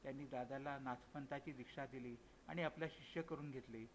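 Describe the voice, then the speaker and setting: A man's voice: mid-range voice, fairly even intonation, a little fast, slight background noise, rough recording. A man narrating a devotional story in the first person, in an earnest, emotional way, sometimes stumbling and restarting. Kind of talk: dramatic storytelling.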